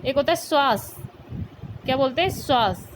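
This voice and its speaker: Woman teacher w/ a high voice going over spelling slowly, repeats stuff, traffic noise behind. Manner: slow, repeats words for pupils. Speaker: school Hindi teacher. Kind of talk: classroom grammar lesson.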